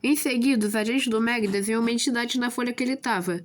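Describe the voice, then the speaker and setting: A woman's voice: fairly high pitch, fairly even intonation, fast talker. A woman with a Brazilian accent and a slightly odd, swollen sore-throat voice, narrating a scripted explainer with casual asides. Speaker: video narrator explaining fictional lore.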